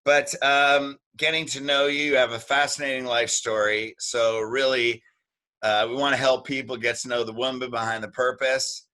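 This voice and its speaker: A man hosts a podcast in a casual, rambling way, cracking small jokes as he goes. His voice is bright and forward. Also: medium pitch, level tone, normal speed, rough recording. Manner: rambling, jokey, upbeat. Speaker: podcast host.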